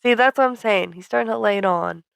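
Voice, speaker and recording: A woman's voice: medium pitch, fast, vocal fry, clear, resonant tone, no echo. A woman co-hosting a podcast, recapping a movie in casual chat with wry, teasing asides. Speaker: podcast co-host.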